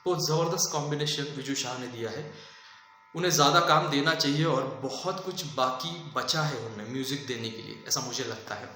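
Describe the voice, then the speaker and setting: A man's voice: mid-range voice, normal speed, sharp tone. A man giving a casual, chatty film review, explaining at length with fillers and restarts. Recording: very echoey room with faint hum.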